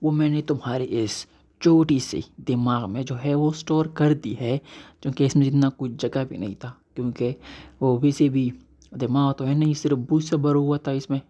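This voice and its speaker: A man's voice: mid-range voice, fairly even intonation, moderate pace, dark tone, lo-fi sound, natural voice. A man voicing a chatty, mocking male ring spirit in a story recap, teasing the hero and calling him child. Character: talking magic ring spirit, male, mocking know-it-all.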